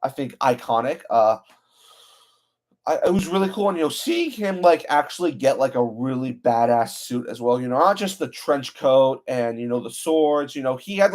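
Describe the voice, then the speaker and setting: A man's voice: medium pitch, darkish tone. A man hosting his own channel, talking through a film in a casual, enthusiastic way, full of "you know" and "like" fillers. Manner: enthusiastic, rambling with many fillers. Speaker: channel host. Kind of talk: casual movie review talk.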